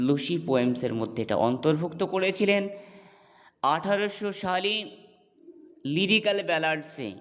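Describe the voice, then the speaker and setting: A man's voice: fairly high pitch, normal speed, pauses often, big-room sound. A man teaching an English poem, explaining it step by step and asking his students checking questions. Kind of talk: classroom lecture on poetry.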